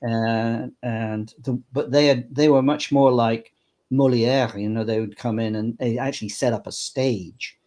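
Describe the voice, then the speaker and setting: A man's voice: medium pitch, fairly even intonation, mellow. Rambling older man, full of restarts. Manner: rambling, halting, many restarts. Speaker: interview guest, clown performer. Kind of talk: reminiscing interview talk.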